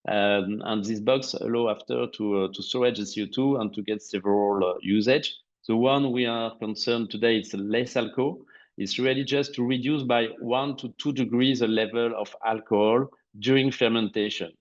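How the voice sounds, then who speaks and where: A man with a French accent presenting on a webinar, speaking carefully and slowly in English with many pauses and filler sounds. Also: mid-range voice, fairly even intonation. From France. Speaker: webinar speaker, company co-founder. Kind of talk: presentation on a video call. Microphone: video call. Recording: dull lo-fi call audio.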